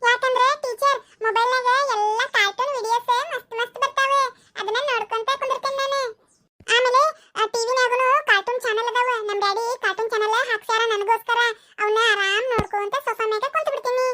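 A woman's voice: very high-pitched, steady tone, fast talker, bright, forceful tone. A woman voicing a stubborn little schoolgirl who hates class, whining and pleading in a North Karnataka Kannada accent. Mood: gushing. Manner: whiny, pleading, sing-song listing. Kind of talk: cartoon voice acting.

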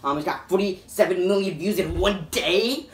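A man hosting a reaction video, excitable and swearing constantly, breaking into loud yelps of disbelief. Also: sits high, moderate pace. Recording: echoey room.

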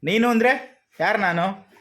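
Father gently coaxing with questions. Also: high-pitched, a little slow, slight background noise. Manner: coaxing, gently scolding, keeps asking questions. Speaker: father, vlogger. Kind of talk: casual family chat.

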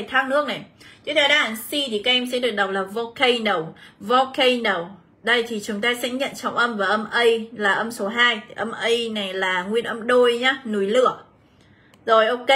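A young female teacher with a slightly high, sharp-toned voice runs a livestreamed English exam review. She chats easily, greets viewers, reads out their answers and comments, and addresses the class as "mọi người".

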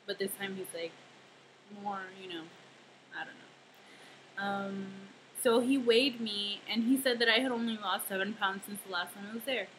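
A woman's voice: mid-range voice, normal speed, a bit bright. A woman talking casually to her camera at home in a rambling video diary, with lots of fillers and self-deprecating asides. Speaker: vlogger. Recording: noisy home camera recording.

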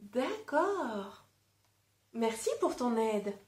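A woman's voice: on the high side, sing-song, very slow, a little mellow, echoey room. A woman reading a picture book aloud to a child, patiently stopping to ask questions and play word games. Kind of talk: interactive read-aloud.

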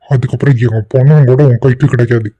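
A man's voice: medium pitch, fairly even intonation, quick pace, warm tone, no room sound, dull audio, natural voice. A man in his twenties voicing a defiant young husband arguing with his mother in a cartoon. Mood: insistent. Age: 20s. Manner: defiant, insistent. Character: defiant young husband, 25, hot-headed son. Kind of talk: cartoon voice acting.

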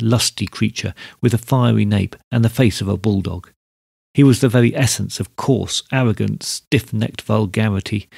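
A man narrates a classic story in a steady, measured reading. His voice is gravelly and husky, at a middle pitch. The recording is close and dry. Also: dry recording. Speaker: podcast host reading a story.

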